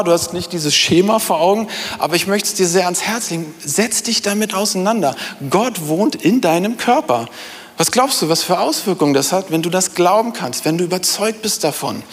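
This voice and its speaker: In a reverberant church hall, a middle-aged man delivers a sermon, emphatic and speaking directly to his congregation. His voice is high-pitched and his pace brisk.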